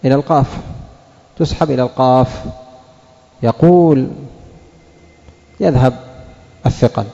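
Male grammar teacher, mellow dark tone, slightly high pitch, asks and answers his own questions, long hall reverb. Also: expressive, lo-fi sound. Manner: questions and answers himself, drawls out example words slowly. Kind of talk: classroom lesson on Arabic morphology.

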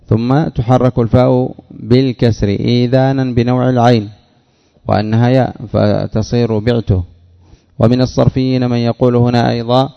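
Gravelly Arabic teacher, lo-fi recording. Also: male voice, mid-range voice. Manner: asks students questions and answers them himself, reads a text aloud then explains; halting restarts when searching for words. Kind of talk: classroom lesson with questions to students.

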